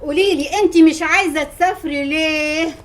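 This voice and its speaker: A woman's voice: sits high, fairly even intonation, brisk, natural voice. An actress playing an affectionate but firm older grandmother talking with her granddaughter.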